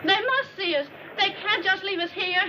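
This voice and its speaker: A frantic castaway, very high and distant. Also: female voice, lively intonation, normal speed, muffled recording. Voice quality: frantic, pleading. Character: desperate young woman castaway calling to a ship. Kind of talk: 1960s film dialogue. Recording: noisy distant old film soundtrack.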